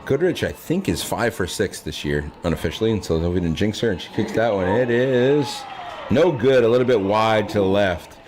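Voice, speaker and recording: A man giving conversational live play-by-play of a high school football game, as its announcer. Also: animated, a little fast, hardly any pauses. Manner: conversational, corrects himself aloud. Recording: noisy live outdoor field broadcast.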